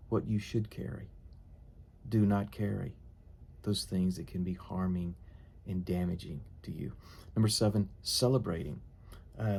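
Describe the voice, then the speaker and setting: Gravelly low-voiced man teaching devotionally. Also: warm tone.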